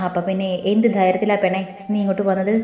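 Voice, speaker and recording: A woman's voice: medium pitch, little pitch movement, rapid-fire, warm tone, dull audio, lightly acted. A woman voicing a cheeky young sidekick. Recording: roomy with faint music.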